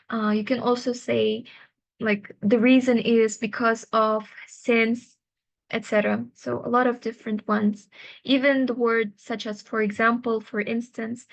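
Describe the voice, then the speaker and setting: Slightly high-voiced woman teacher, patient, encouraging feedback. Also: dry recording, muffled recording. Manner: patient, encouraging, explains slowly. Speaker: English speaking teacher. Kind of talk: online class feedback.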